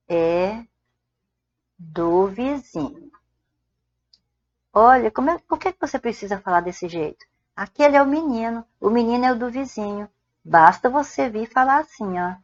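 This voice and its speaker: Brazilian woman teaching grammar, slow and deliberate. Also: on the high side, muffled recording. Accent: Brazilian Portuguese. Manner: slow, deliberate dictation of examples, frequent "ó" and "certo?". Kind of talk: spoken grammar lesson.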